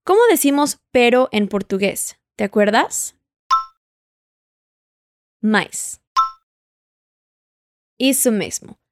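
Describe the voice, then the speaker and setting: A woman teaching Portuguese guides an audio lesson slowly, pausing often, her voice sitting a little high. With patience, she keeps cueing the listener to repeat after her. Everything is recorded close and dry, without echo or room.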